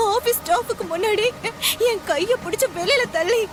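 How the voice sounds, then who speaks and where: A tearful scheming daughter-in-law. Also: female voice, extremely high pitch, normal speed. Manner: sobbing, wounded complaints. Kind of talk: TV serial acting. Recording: music score behind dialogue.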